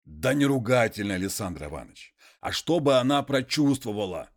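A man voicing an illiterate peasant man who wheedles and pleads in folksy, drawn-out speech. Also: mid-range voice, sing-song, pitched above the performer's own voice. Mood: pleading.

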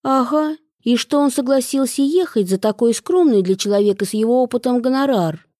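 Woman playing a brisk stylish mom. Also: a little high, dark tone, no echo, studio quality, voice pushed up, lightly acted. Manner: brisk, mock-stern. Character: brisk stylish mother, middle-aged.

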